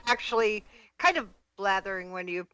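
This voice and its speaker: A woman's voice: medium pitch, animated, moderate pace, bright, forceful tone, clear, resonant tone, rough recording. A woman co-hosting a live stream on a video call, greeting guests and making light jokes. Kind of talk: casual live-stream chat.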